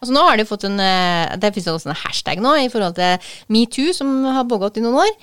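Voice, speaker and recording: A woman's voice: medium pitch, expressive, fairly bright tone, clear, resonant tone, dry recording, clean studio sound. A woman in a casual book talk, speaking thoughtfully with many hesitations.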